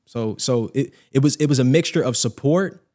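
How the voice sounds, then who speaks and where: A man's voice: mid-range voice, normal speed. A young man, a podcast guest, telling a personal story in casual conversation and acting out the voices of people in it. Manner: animated, acts out quoted voices.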